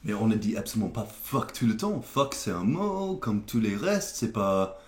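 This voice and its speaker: A man's voice: fairly low pitch, expressive, moderate pace. A man with an American accent, a native English speaker, hosting a comedy sketch with teasing, mock-indignant banter. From United States. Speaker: host. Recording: echoey room.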